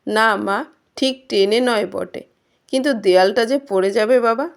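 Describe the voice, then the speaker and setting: Woman reader doing a poor, gentle old village farmer, soft and pleading, storybook reading. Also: mid-range voice, moderate pace, creaky, lightly acted.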